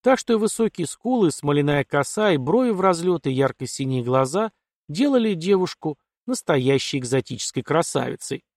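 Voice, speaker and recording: A man narrating an audiobook in a measured storytelling manner. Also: a little high, big pitch swings, darkish tone, no echo, clean studio sound.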